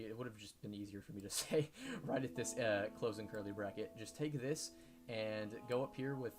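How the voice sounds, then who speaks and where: A man talking through a casual coding tutorial, halting with many fillers and self-corrections. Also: mid-range voice. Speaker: modding tutorial host. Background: background music.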